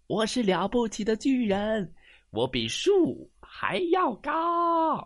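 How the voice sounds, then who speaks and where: A man's voice: sits high, big pitch swings, slow pace, a bit bright, dry recording, clean studio sound, voice pushed up, full character voice. A man voicing a boastful hidden "giant" that threatens the animals in a children's bedtime story.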